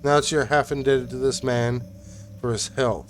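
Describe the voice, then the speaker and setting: A man reading the lines of a sinister, scheming older woman cult leader in a soft, mocking, slow way. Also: medium pitch, steady tone, a little hiss or hum, natural voice.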